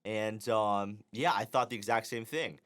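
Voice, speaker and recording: A man's voice: fairly low pitch, measured pace, clean tone. A young man with a Canadian accent co-hosting a podcast, talking casually with many fillers. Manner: relaxed, filler-heavy talk. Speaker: podcast co-host. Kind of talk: casual chat.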